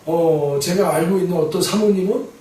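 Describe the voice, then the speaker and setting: A middle-aged male pastor preaching a sermon, telling a story with animated, emphatic, repetitive phrasing. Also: high voice, fairly quick, a little hiss or hum. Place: large church sanctuary. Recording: echoey hall from far off.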